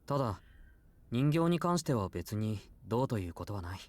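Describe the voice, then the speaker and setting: An actor playing a calm, puzzled, earnest young man in a visual novel, with understated delivery. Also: lowish voice, racing. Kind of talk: Japanese visual novel voice acting.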